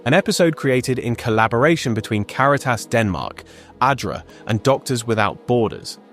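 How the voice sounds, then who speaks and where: A man narrates a documentary podcast in a measured, scripted way. His voice is at a middle pitch. A faint music bed runs beneath him. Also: expressive. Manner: measured and clear.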